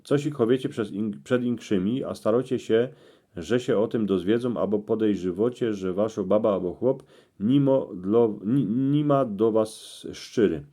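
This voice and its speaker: A man with a Cieszyn Silesian accent reading out interpretations in dialect, in terse phrases with pauses. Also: on the low side, dark tone. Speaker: presenter explaining dream meanings.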